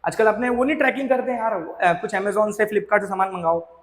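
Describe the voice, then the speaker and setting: A man's voice: high-pitched, steady tone, fairly quick, long reverb tail. A man teaching a school social science lesson, explaining in a chatty, informal way and mixing in English terms. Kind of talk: classroom lecture.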